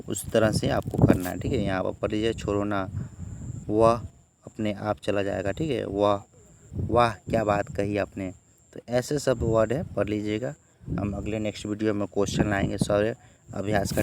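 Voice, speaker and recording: A man's voice: fairly low pitch, gravelly, background noise. A man tutoring students through an exam textbook unit. He keeps saying "theek hai" as a tic and acts out the example lines. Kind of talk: exam-prep lesson walkthrough.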